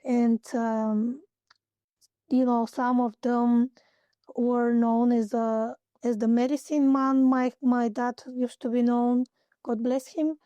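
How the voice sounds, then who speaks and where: Brief: Bulgarian-accented woman, fairly high voice, dry close sound, halting interview answers, searches for English words. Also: little pitch movement, dark tone, dry recording, lo-fi sound. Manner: hesitant, searching for English words, many fillers. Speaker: guest, holistic therapist.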